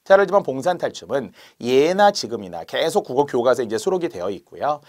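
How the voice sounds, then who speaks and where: A man explaining exam answers in a lecture, marking each step aloud and slowly spelling out letters and sounds. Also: medium pitch, big pitch swings, a little mellow.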